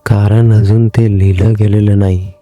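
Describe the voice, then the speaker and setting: A grim village elder who knows too much, as a man reads him out, answering in short, heavy sentences. The voice sits low and very dark, and soft music runs underneath. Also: level tone, normal speed, natural voice. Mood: grave. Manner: terse, ominous replies.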